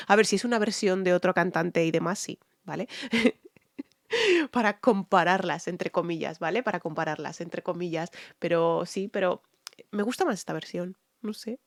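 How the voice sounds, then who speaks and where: A woman's voice: on the low side, unhurried, pauses often, no echo, clean studio sound. Enthusiastic woman. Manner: enthusiastic, repeats phrases for emphasis; hums and sings short phrases along with the song. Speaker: singer reacting to a music video. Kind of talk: casual reaction commentary on a singer's technique.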